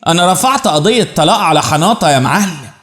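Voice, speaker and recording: A man with an Egyptian accent voicing a bold, sharp-tongued young woman in a story, speaking indignantly. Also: fairly high pitch, very animated, fast talker, roomy sound. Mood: demanding. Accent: Egyptian Arabic. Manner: indignant, demanding.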